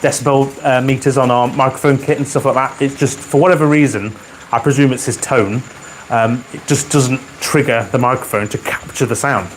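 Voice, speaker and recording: A man hosting a casual livestream from his garage, reading viewer comments with dry humor and often clearing his throat, wearing a microphone. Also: mid-range voice, fairly even intonation, brisk, a little hiss or hum, low-quality recording. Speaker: livestream host. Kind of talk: casual live chat. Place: home garage with a model railway layout.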